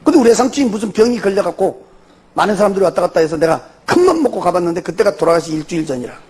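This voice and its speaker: An older man with a Jeolla accent, a church elder telling his testimony in an animated way and tossing in rhetorical questions. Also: sits high, very fast, husky. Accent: Jeolla Korean. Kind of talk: spoken testimony before a congregation.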